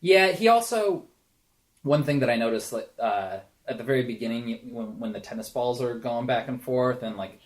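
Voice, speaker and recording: A man's voice: medium pitch, steady tone, brisk, few pauses, a little mellow. A young man co-hosting a casual movie podcast, chatty and thinking aloud. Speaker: podcast co-host.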